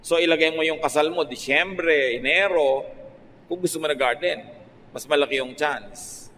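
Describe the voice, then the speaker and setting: A Filipino-accented pastor gives a conversational radio sermon mixing Filipino and English, talking at normal speed with sudden lively rises in pitch. The recording has faint noise and a long reverb.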